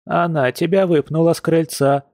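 A man voicing an amused, sly old village grandmother who talks in a slow, ironic drawl. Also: on the high side, fairly even intonation, darkish tone, dry recording, clean studio sound, voice pushed up, lightly acted. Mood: teasing.

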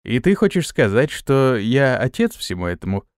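Brief: brash young trainee, indignant, shouty, lively pitch, dry sound; played by a man. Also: moderate pace, clean tone, no room sound. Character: young male police trainee, hot-tempered.

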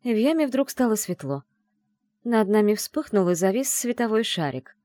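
A woman reading a first-person novel aloud in an expressive, emotional way. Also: medium pitch, normal speed, no echo, studio quality. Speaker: audiobook narrator.

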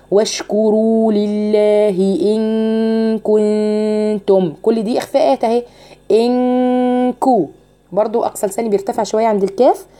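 Egyptian woman, recitation teacher, dark mellow tone, quizzes listeners, models words slowly. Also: mid-range voice. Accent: Egyptian Arabic. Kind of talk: tajweed lesson.

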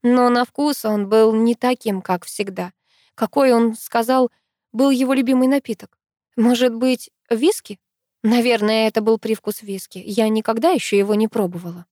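A woman reading a first-person romance audiobook with intimate, expressive narration. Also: fairly high pitch, normal speed, dry recording, clean studio sound.

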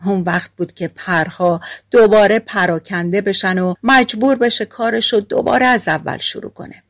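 A woman's voice: mid-range voice, dry recording. A woman narrating a fairy tale for an audiobook, reading expressively and giving each character a voice. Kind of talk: storybook narration.

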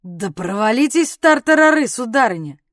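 A woman reader puts on a drunken, brutish gentleman from an audiobook who shouts at everyone around him. He blusters and barks his demands roughly. The voice sits high and dry, close to the mic. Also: moderate pace, no room sound, close to an everyday voice. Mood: drunk bullying. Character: drunken brutish English gentleman husband, bullying.

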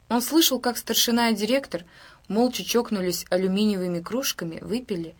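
A woman narrating an audiobook in a calm, even storytelling voice. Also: mid-range voice. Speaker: audiobook reader. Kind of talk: scripted narration.

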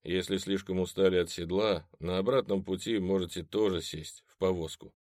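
A man voicing a calm, stern cleric who speaks in a measured, quiet way. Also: low-pitched, dry recording, studio quality, lightly acted.

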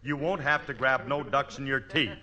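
A man's voice: mid-range voice, moderate pace, highs cut off, lightly acted. A man playing a bossy, scheming husband in an old-time radio comedy, with an insistent, blustering and wheedling delivery. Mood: bossy, exasperated. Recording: noisy old radio recording.

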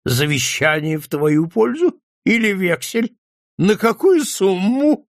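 A man voicing a drunken, mocking man who flares up quickly, with slurred, laughing bluster in an audiobook reading. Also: fairly high pitch, wildly swooping pitch, gravelly, breathy edge, dry recording, clean studio sound, heavily acted.

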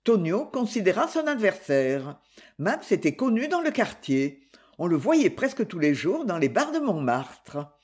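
An audiobook narrator reading a crime novel in a measured storytelling manner. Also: mid-range voice, sing-song, husky. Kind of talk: scripted narration.

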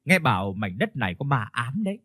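A male storyteller narrating a ghost story in a scripted reading, with soft instrumental music behind him. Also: medium pitch, very animated, a little fast, dry recording, studio quality. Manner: storytelling, voices the characters.

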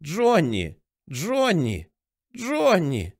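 Guy doing a dying old mom, high and hoarse, slow halting pleading voice, storybook reading. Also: lively intonation, darkish tone. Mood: crying out. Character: dying old woman after a stroke, pleading.

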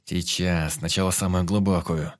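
A man reading an audiobook, voicing a fussy male squad medic who gives quick orders. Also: sits low, flat delivery, lightly acted. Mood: soothing. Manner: bustling, giving quick orders. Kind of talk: audiobook character voice.

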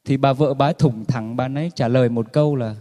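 A man telling jokes to an audience in a relaxed storytelling way, with many fillers. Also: mid-range voice, fast talker, big-room sound. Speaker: joke teller.

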